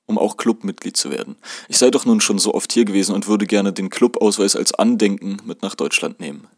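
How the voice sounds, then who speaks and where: A man from Germany reading his first-person memoir aloud in a measured, calm way. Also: fairly low pitch, no room sound, clean studio sound. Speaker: narrator.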